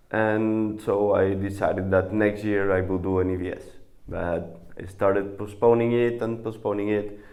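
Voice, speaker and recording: Young man with a low gravelly voice. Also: darkish tone. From Spain. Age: 20s. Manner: halting, many pauses and fillers. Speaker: volunteer. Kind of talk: interview to camera.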